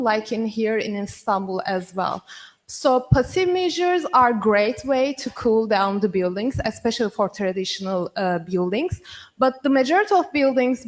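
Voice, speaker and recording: Woman, young, English, audience question, halting, fairly high voice. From Turkey. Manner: halting, searching for words. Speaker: audience member asking a question. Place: conference hall.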